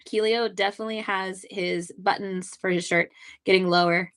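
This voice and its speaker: A woman's voice: mid-range voice, fairly even intonation, moderate pace, a bit bright, smooth. A young woman, a webcomic artist, chatting casually and giddily on a livestream while she draws. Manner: bubbly, giddy, chatty.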